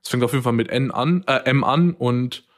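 A young man co-hosting a podcast, chatting casually and telling lively stories in which he acts out both sides of each conversation. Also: medium pitch, fairly quick. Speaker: podcast co-host. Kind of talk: casual chat.

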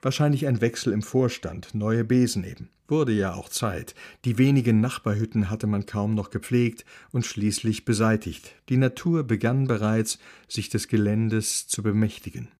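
A man reading a novel aloud in calm, steady scripted audiobook narration. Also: on the low side.

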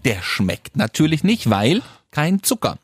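A man's voice: a little high, sing-song, a little slow, slightly rough, no echo, clean studio sound. A man co-hosting a casual chat, making wry jokes and conspiratorial asides. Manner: wry, joking conspiratorial banter. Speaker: podcast co-host.

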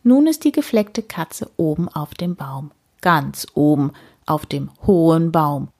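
A woman reading a children's story aloud, slow and expressive with deliberate repetition. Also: deep voice.

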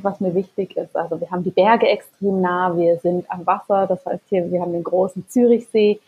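A woman's voice: mid-range voice, husky, dull audio. A woman from Germany, a physician and health coach, speaking articulately and enthusiastically as a podcast guest. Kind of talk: conversational interview.

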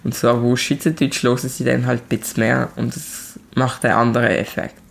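Young woman, Swiss German accent, gravelly, direct, lively, casual interview talk. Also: extremely low pitch, brisk. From Switzerland. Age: 20s. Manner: direct, animated, emphatic. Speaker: musician guest. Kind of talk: casual chat.

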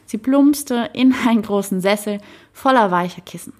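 A woman reads a storybook aloud, soft and calm. Her voice sits at a middle pitch. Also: normal speed. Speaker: narrator. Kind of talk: storybook reading.

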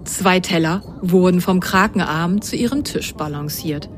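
A woman's voice: fairly low pitch, measured pace, faint music behind. Woman reading a children's story. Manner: lively, expressive storytelling. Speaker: narrator.

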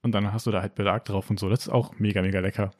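A man's voice: fairly low pitch, flat delivery, racing, no echo, clean studio sound. A young man from Germany chatting casually, telling things in a colloquial, loosely hedged way. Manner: colloquial, hedging storytelling. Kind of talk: casual chat.

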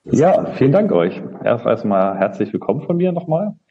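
A man hosting a podcast, with a lively, expressive delivery. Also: mid-range voice, normal speed, highs cut off, slight background noise. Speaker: podcast host, social counselor. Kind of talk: podcast moderation.

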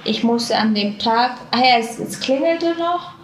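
Halting woman in an echoey room. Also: on the high side, animated. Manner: halting, reflective, searching for words. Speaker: interview guest. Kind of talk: personal storytelling in conversation. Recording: echoey room with faint noise.

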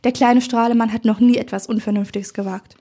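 A woman voicing a bossy, irritable male troll king who growls and scolds in a storybook reading, in a husky, dark voice. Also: a little high, fairly even intonation, a little fast, close to an everyday voice. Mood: gruff scolding.

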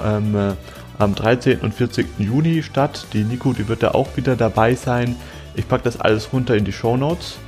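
A man's voice: on the low side, a little mellow. A man hosting a podcast interview, talking in an upbeat, chatty way with some fillers. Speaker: podcast host.

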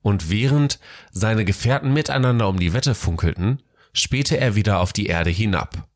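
A man narrating a Christmas storybook tale in a gentle, measured way. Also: lowish voice, lively intonation.

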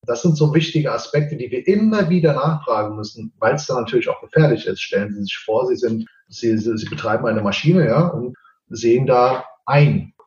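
In a mid-range, slightly mellow voice at normal speed, the Portuguese translator answers interview questions in accented German. He keeps adding "ja" to his sentences. The room adds echo, and the sound is slightly dull.

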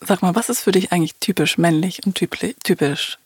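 A man's voice: high voice, brisk, slightly rough, dry recording. A man interviewing a guest, asking his questions politely and a little hesitantly.

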